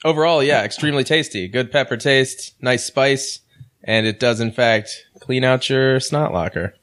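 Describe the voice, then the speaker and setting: A man's voice: medium pitch, normal speed, a bit bright. A man co-hosting a casual snack review, making dry, wry remarks.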